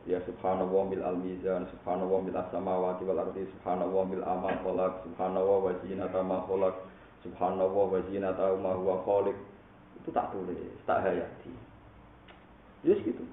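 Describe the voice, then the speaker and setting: A man with a Javanese accent giving a relaxed, humorous religious study sermon. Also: lowish voice. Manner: casual, humorous, mixing in regional words. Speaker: Islamic preacher. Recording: echoey phone-like recording, faint noise.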